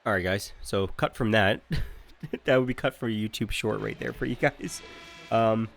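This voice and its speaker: A man's voice: lowish voice, moderate pace, creaky, a bit bright. Chatty young man rambling over gameplay. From Canada. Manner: chatty, rambling storyteller who drifts off on tangents. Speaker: gaming YouTuber. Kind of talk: casual gameplay commentary.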